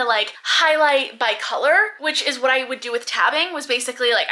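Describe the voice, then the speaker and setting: A young woman with a high, bright voice talks casually to the camera about what she has been reading. She rambles in a chatty way, full of "like" fillers and side tangents. She is recorded at home on the camera mic. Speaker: book vlogger.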